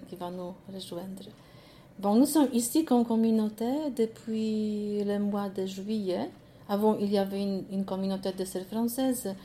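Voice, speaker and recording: A woman's voice: medium pitch, dark tone, a little hiss or hum. A nun with a Polish accent, whose first language is Polish, introducing her community in a radio interview, speaking plainly and earnestly.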